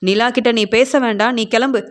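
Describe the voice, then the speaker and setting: A woman's voice: on the high side, steady tone, normal speed, close to an everyday voice. A woman voicing a stern older man who heads the family, speaking firmly and scolding. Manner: firm, scolding.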